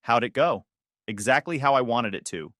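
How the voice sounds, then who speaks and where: Lively-toned male storyteller, dry close sound. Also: medium pitch, moderate pace, no room sound. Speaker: narrator. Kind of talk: storytime narration.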